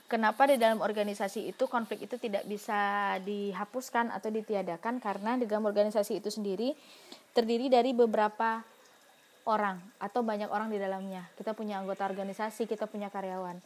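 A woman's voice: mid-range voice, steady tone, fast. A woman giving a university lecture in an explanatory way, asking herself questions and answering them, with frequent fillers.

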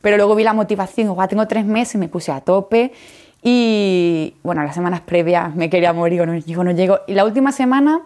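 A young flutist from Jerez, Spain, with an Andalusian accent, tells her story as a guest in a casual interview. Her lowish, darkish voice moves briskly as she animatedly acts out what she said back then and laughs often.

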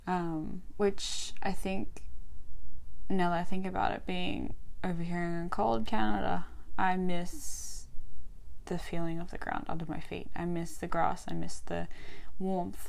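Low-pitched, a little mellow and marked by vocal fry, a young Western Australian woman chats through her solo podcast. She laughs a lot and frequently restarts what she's saying.

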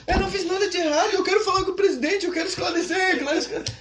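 A man's voice: extremely high pitch, lively intonation, fast, a little mellow, roomy sound, slight background noise, pitched above the performer's own voice. A man voicing a panicked young male missionary who pleads to be heard, his voice breaking into laughter. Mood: pleading.

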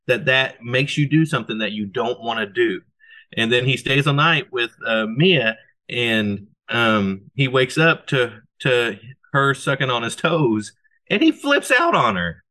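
Blunt man with a bright voice. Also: mid-range voice, measured pace. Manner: blunt, swears, hesitant fillers. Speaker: podcast co-host. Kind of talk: casual movie review chat.

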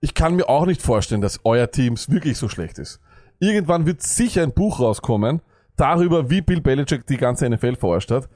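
A man's voice: mid-range voice, expressive, a little fast, warm tone, no echo, studio quality. A man co-hosting a fantasy football podcast, ranting and sarcastic, jumping between thoughts. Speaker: podcast co-host. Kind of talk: casual fantasy football chat.

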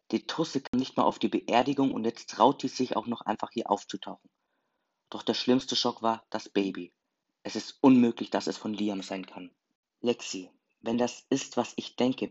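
A man narrating a first-person story in an earnest, emotional reading. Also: on the low side. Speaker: story reader. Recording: slightly dull lo-fi recording.

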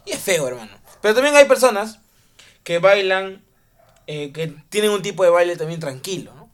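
A man's voice: sits high, expressive, normal speed. A man co-hosting a podcast in casual chat, joking and teasing, laughing often. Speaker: podcast co-host.

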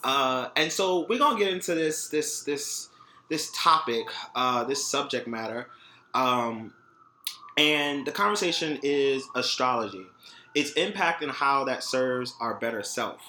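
A man hosting a podcast in an informal, conversational way, often pausing and adding little tags as he talks. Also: medium pitch, lively intonation, pushed and bright. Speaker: podcast host. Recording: faint background noise.

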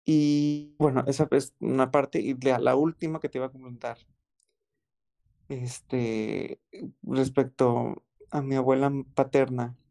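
Excitable Mexican man with a mellow voice. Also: medium pitch, unhurried, gravelly. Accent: Mexican Spanish. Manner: excited, slangy, repeats exclamations. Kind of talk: casual chat, storytelling.

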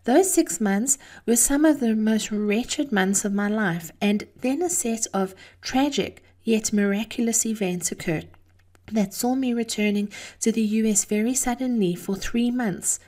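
A middle-aged woman with a South African accent delivers a scripted motivational monologue in an earnest, deliberate, personal storytelling manner. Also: on the high side, warm tone. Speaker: host of an encouragement podcast.

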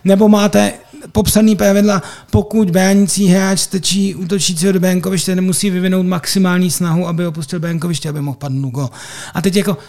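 A man's voice: sits high, little pitch movement, hardly any pauses, darkish tone. A man, a hockey referee, chatting on a podcast and rambling with lots of fillers and restarts. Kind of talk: casual podcast chat.

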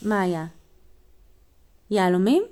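A woman improvising a gentle bedtime story, stopping to ask the child what happens next. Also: mid-range voice, lively intonation. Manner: gentle, asks the child questions along the way.

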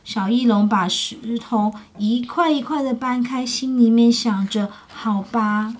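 A woman's fairly high, somewhat mellow voice carries an unhurried picture-book reading for kids. She narrates with plenty of expression and breaks off now and then to quiz her audience.

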